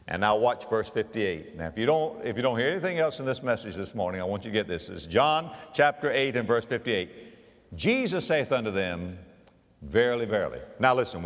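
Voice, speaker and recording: A man preaching a sermon, reading scripture aloud and swinging between booming emphasis and hushed words. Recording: long hall reverb.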